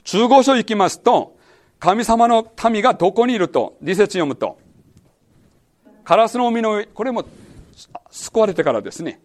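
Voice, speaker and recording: A man's voice: high voice, expressive, normal speed, pauses often. A man teaching a Bible lesson as pastor, quizzing his listeners and repeating key words. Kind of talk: sermon-style Bible lesson.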